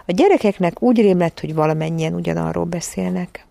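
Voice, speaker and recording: Woman narrator, calm storybook reading, low voice, dry close sound. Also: creaky, no echo. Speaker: audiobook narrator.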